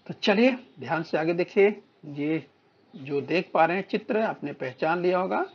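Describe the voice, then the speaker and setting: A man teaching a recorded lesson to young children, reading words slowly and clearly for them to repeat. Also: on the high side, lively intonation, muffled recording. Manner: slow, drawn-out word-by-word reading for children to repeat. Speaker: primary school teacher.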